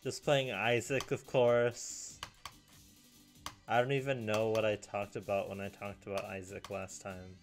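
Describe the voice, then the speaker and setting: A young man chatting casually to camera in a deadpan, rambling way, often restarting his sentences. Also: lowish voice, unhurried, faint music behind. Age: young adult. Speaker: video creator. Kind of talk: casual solo chat.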